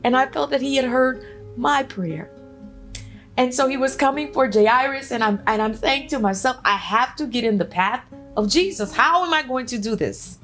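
A woman's voice: sits high, normal speed, fairly bright tone, faint music behind. A woman playing the healed biblical woman, earnest. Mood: earnest testimony. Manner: earnest, preacherly, repeats phrases for emphasis. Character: biblical woman healed after twelve years of bleeding. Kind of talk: first-person dramatic testimony on a talk show.

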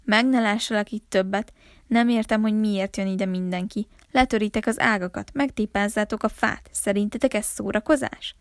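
A woman reading aloud, voicing a gruff, lonely old village man who grumbles. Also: medium pitch, fairly even intonation, no echo, studio quality, close to an everyday voice. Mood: grumbling. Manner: grumbling, growls then softens.

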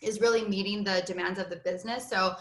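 A woman's voice: medium pitch, fairly even intonation, fairly bright tone. Woman in her 30s, chatty panel talk on a webcam, kinda roomy sound, lots of you-knows. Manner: chatty, quick, many fillers. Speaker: customer success panelist. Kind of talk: casual panel talk on a video call. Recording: roomy video call audio.

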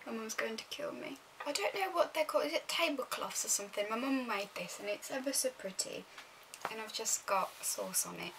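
Young woman, casual vlogger, slightly high and gravelly voice, chatty and apologetic, home kitchen. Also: animated, a little fast, background noise. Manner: chatty, apologetic, talks to camera as she cooks. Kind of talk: casual vlog chat.

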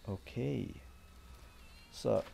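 Jumpy young Danish gamer, faint hiss. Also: male voice, mid-range voice, vocal fry, mellow. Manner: jumpy, mixes English slang into casual Danish. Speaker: gaming YouTuber. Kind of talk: horror game let's play commentary.

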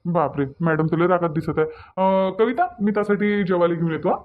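Heard on narrow, muffled audio, a man speaks in a high-pitched, fairly quick voice close to how he normally talks. He plays a mild, evasive young husband in Marathi cartoon dialogue, placating and defensive, repeating soothing lines in the Vidarbha (Varhadi) dialect.

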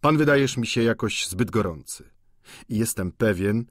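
A man's voice: fairly low pitch, lively intonation, dry recording, clean studio sound. A man voicing sly cynical schemer Vautrin. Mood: persuasive. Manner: mocking, slow and deliberate. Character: sly cynical middle-aged male schemer.

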